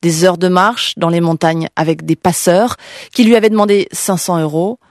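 A woman radio reporter narrating a scripted news story in a measured, narrative way. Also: fairly low pitch, fairly even intonation, darkish tone, no room sound, clean studio sound.

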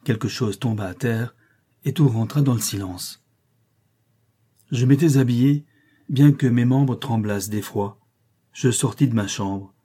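A man reading a classic novel aloud in measured, dramatic scripted narration. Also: mid-range voice, warm tone, slightly rough. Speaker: audiobook narrator.

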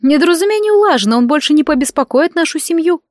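A woman's voice: sits high, animated, fast talker, a little mellow, dry recording, voice pushed up. An imperious sorceress mother who snaps out her conditions in a raised, clipped voice, as a woman reading the story gives her lines. The sound is close and dry, with no room around it. She talks like a queen granting favors. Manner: curt and imperious. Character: proud, sharp-tongued mother, a woman sorceress.

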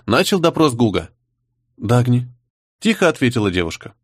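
Expressive male audiobook narrator. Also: mid-range voice, moderate pace, no echo, studio quality. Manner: expressive storytelling. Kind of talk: scripted narration.

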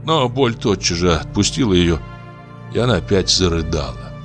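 Male narrator, low voice, measured expressive literary reading, faint music underneath. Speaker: audiobook narrator.

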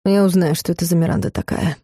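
This is a level-headed, dry-witted father questioning his grown son, read out by a woman narrator. The voice sits low and dark, with a calm, faintly teasing manner. The sound is close and dry, as in a storybook reading. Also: fast, no room sound, close to an everyday voice. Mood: calm, ironic. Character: dry-witted middle-aged male father, calm and probing.

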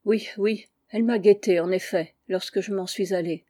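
A woman's voice: medium pitch, fairly even intonation, normal speed, mellow, lightly acted. A woman voicing a battered male friend in a storybook reading, speaking with difficulty through swollen lips. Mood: uneasy. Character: alarmed middle-aged male friend, bruised.

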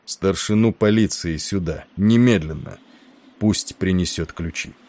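Male reader as ailing older captain: low, dark, gruff, commanding and weary. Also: moderate pace. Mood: stern.

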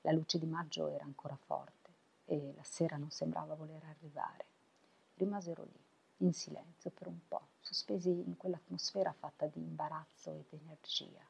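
A woman reading a novel aloud for web radio, steady and unhurried. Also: deep voice, vocal fry, slightly rough, highs cut off. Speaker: volunteer reader.

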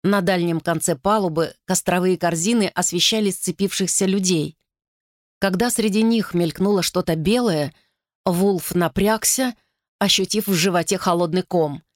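A woman narrates an audiobook with a steady, dramatic delivery. Her voice is fairly low, and the recording is close and dry with no room sound. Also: normal speed, no echo. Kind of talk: scripted narration.

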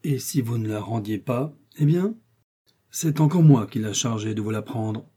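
A man's voice: mid-range voice, expressive, moderate pace, mellow, husky. A man reading the part of an embarrassed royal chancellor, formal and insistent.

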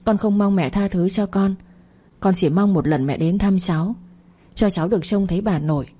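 Woman reader doing a remorseful young mom, pleading, dark tone, storybook. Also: mid-range voice, moderate pace, lightly acted. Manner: pleading, apologetic.

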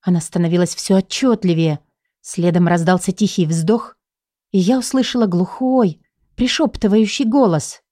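Mellow-voiced woman reading a novel. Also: on the low side, no echo, clean studio sound. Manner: expressive, measured. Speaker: audiobook narrator. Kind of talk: first-person audiobook reading.

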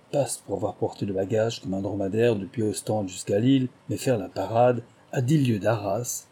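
A man reading a memoir aloud in measured, scripted storytelling narration. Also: on the low side, mellow, breathy edge. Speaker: audiobook narrator.

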